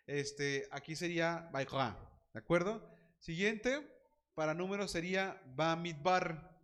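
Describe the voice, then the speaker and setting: Lively male Bible teacher. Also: on the high side. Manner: lively, quizzes students by name, jokes. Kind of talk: interactive classroom teaching.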